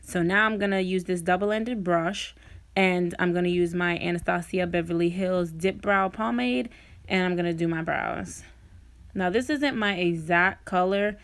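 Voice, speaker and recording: A woman's voice: fairly low pitch, measured pace. A woman talking informally and directly to viewers in a casual, chatty makeup tutorial voice-over. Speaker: beauty vlogger.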